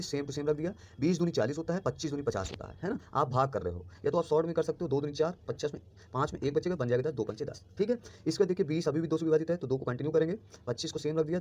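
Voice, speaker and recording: A man's voice: a little high, darkish tone. A man teaching a primary school math lesson, explaining steps and often checking if students follow. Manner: quick, explanatory, checks understanding with "clear?".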